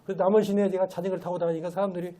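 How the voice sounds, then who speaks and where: A man's voice: high-pitched, level tone, very fast, dark tone. A man giving a sermon as a lay preacher in a church, talking in a conversational way and asking rhetorical questions. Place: church sanctuary.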